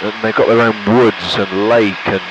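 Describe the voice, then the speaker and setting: A pilot and vlogger talks through a headset in a small plane, with engine drone and radio noise in the background. His fairly low voice stays fairly even at a moderate pace as he mixes easygoing, jokey chat with cockpit radio calls and commentary.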